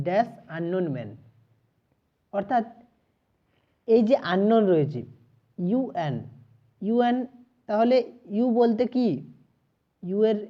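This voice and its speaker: A woman teaches an entrance-exam grammar lesson in a patient, step-by-step way. She spells out letters, repeats each pronunciation and drops to a slow, dictating pace for example sentences. Her voice sits at a middle pitch, and the recording sounds slightly dull and lo-fi.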